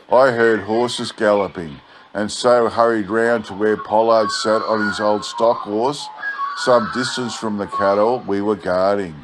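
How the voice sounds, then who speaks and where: A man's voice: on the low side, poor audio. A man reading a bush yarn as scripted narration in a laconic outback drawl. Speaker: story reader. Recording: clear background noise.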